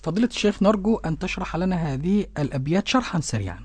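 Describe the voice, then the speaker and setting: A man's voice: high-pitched, animated, racing, husky, no room sound. A man co-hosting a recitation lesson, asking polite questions in formal classical Arabic and giving frequent short affirmations. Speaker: co-host student questioning the sheikh.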